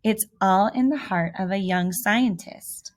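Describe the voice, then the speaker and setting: In a mid-range voice at a slightly slow pace, a woman reads a children's picture book aloud. Her storytelling is expressive, with theatrical emphasis and small asides to the children listening.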